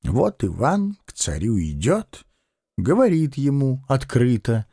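A man giving a dramatic, rhythmic reading of a verse fairy tale in a lively, expressive way. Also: mid-range voice, slow pace, husky, dry recording, clean studio sound. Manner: rhythmic, expressive, voices each figure. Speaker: storyteller.

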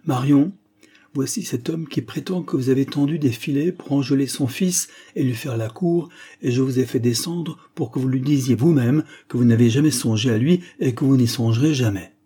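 A man voicing an angry, sharp-tongued spinster who scolds with indignation. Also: mid-range voice, moderate pace, slightly rough, pitched above the performer's own voice, natural voice. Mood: commanding.

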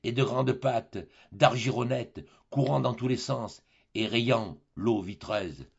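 Husky man reading a story aloud. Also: mid-range voice, lo-fi sound. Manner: measured, expressive reading. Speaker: audiobook reader. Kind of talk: scripted narration of a classic story.

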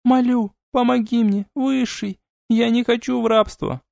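Naive young succubus, high and wheedling, voiced by a male reader. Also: steady tone, measured pace, vocal fry, a little mellow, no echo, studio quality, full character voice. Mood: pleading. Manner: pleading, childlike and wheedling.

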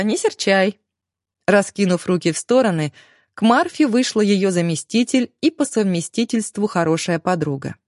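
A woman narrating an audiobook in lively storytelling style, lifting her voice on key words. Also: medium pitch, no echo, studio quality. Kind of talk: scripted narration.

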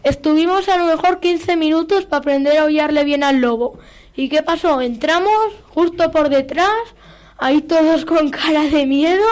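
Brief: woman, quite high voice, lively storyteller in a casual radio chat. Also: normal speed.

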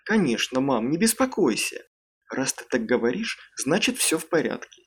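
A man's voice: medium pitch, sing-song, normal speed, husky. A man voicing an anxious, secretive teenage girl who speaks tensely and pleads. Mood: guarded.

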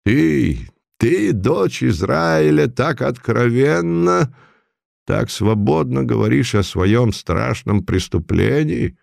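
A stern old chairman of a tribunal pronounces his charges in an audiobook, put on by a man. He speaks slowly and gravely in a gravelly voice pitched somewhat high. The recording is dry. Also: lively intonation, darkish tone, no echo, heavily acted. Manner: solemn, thundering.

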